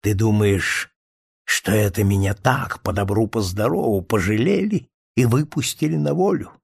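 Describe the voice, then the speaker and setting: A man's voice: fairly low pitch, gravelly, breathy edge, no echo, clean studio sound. A man voicing a ragged, grim and menacing old female spirit in a read-aloud story, hissing and drawing out his words. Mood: brooding. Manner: hissing, drawn-out, slow. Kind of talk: storybook reading.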